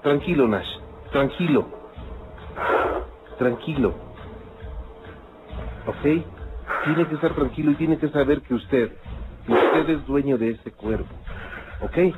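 A male radio host calmly questioning a caller and narrating what happened. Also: a little high, very noisy. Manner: calm, measured questioning. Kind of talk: radio call-in show. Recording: phone-like archive radio with music.

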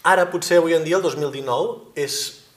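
A man's voice: fairly high pitch, normal speed, a bit bright, echoey room. A man interviewing a guest in her studio, friendly with some hesitant restarts. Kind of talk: interview questions. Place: singing studio.

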